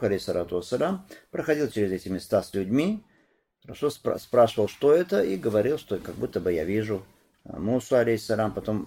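A man giving a religious lesson, reading Arabic phrases and explaining them in Russian, who rises and grows louder when retelling a narration. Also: on the low side, vocal fry, breathy edge. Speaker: Islamic religious teacher. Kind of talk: religious lesson commenting on hadith and tafsir.

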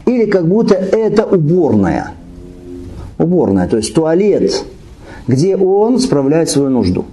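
Male preacher with lively intonation and a warm, dark tone. Recites Arabic phrases, then explains them. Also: on the high side, a little slow, faint music behind. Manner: animated, repeats key phrases, asks "хорошо?" to listeners. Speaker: Islamic preacher. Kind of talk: sermon lecture.

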